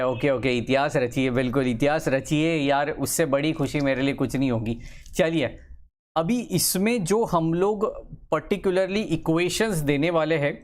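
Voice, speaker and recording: A young man teaching engineering maths in a casual lecture, encouraging his students, repeating phrases and drawing words out slowly as he writes. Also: a little high. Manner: encouraging, chatty asides to students. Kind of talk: casual Hindi-English lecture.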